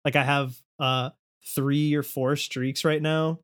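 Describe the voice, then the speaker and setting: A young man with a mid-pitched voice, talking casually as a podcast co-host. He rambles in an informal, slangy way and swears freely. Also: level tone, slow, clean tone. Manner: rambling, heavy use of "like", swearing.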